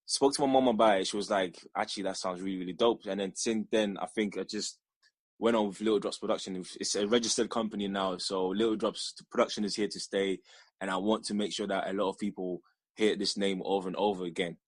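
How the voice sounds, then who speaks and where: A man's voice: on the low side, steady tone, fast, no room sound. A young man from Ghana, a filmmaker being interviewed, talking in a loose, rambling way with frequent restarts. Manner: rambling, restarts often, laughs easily. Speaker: filmmaker guest. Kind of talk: casual interview chat.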